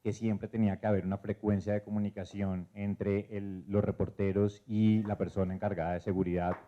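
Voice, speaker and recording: A man speaking on a panel, measured and hesitant with many fillers. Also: fairly low pitch, level tone. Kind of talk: panel discussion. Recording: dull lo-fi event recording.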